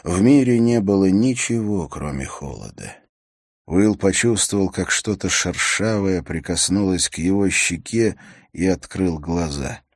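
A man reading an adventure novel aloud as an audiobook narrator, in a measured, steady storytelling manner. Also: sits low, no echo, clean studio sound.

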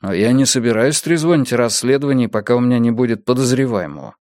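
A man voicing a calm, wry male police detective. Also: medium pitch, fast talker, no echo, clean studio sound, lightly acted. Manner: calm and teasing.

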